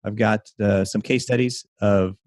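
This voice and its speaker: A man being interviewed as a mindset coach and speaker, explaining his method in a confident, pitch-like way. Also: fairly even intonation, unhurried, darkish tone, dry recording, clean studio sound.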